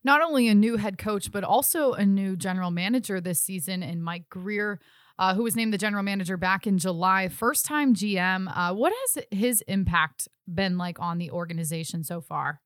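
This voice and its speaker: In a dry, studio-quality recording, a woman with a medium-pitched voice speaks at a moderate pace. She hosts a sports podcast, delivering scripted team news and then interviewing a guest.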